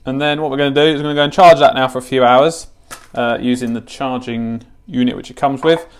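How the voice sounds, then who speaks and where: With a clean, mid-range voice and fairly even intonation, a British man in his twenties talks at a quick pace while demonstrating fishing gear for his channel. The casual unboxing tutorial takes place in his home kitchen, and he sounds chatty, informal and matter-of-fact.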